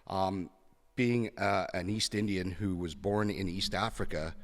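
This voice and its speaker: A man's voice: low-pitched, steady tone, measured pace, long reverb tail. A man in his fifties, from Kenya, telling his story as a podcast guest in a frank, blunt way with frequent fillers. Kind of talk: conversational interview.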